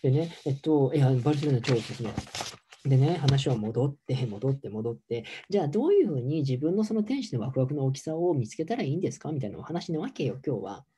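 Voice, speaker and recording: A man's voice: mid-range voice, sing-song, fast, mellow, a little hiss or hum. A middle-aged man, a yoga teacher, giving a campy, chatty, teasing livestream talk and reading viewer comments aloud.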